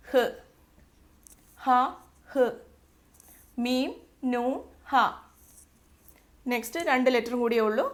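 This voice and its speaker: A woman with a Malayali accent gives a step-by-step alphabet lesson, her voice sitting a little high. She goes slowly and patiently, saying each letter sound twice so learners can copy it. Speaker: Arabic tutor.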